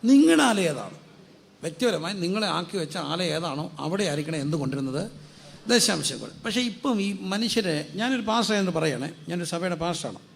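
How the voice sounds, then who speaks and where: A man preaching as a guest pastor, asking rhetorical questions, answering them himself and urging the congregation to repeat after him louder. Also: high voice, sing-song, fast, creaky. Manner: drives call-and-response, urging the crowd to say it louder. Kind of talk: sermon.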